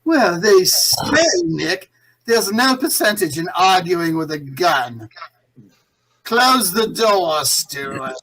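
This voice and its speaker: A man playing a suave, pompous escaped-convict crime boss in a 1940s radio drama, drawling with mock courtesy in a husky voice. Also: high voice, sing-song, takes it slowly, bright, forceful tone, full character voice, low-quality recording. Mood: gloating. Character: suave, theatrical, gloating male escaped-convict villain and gang boss.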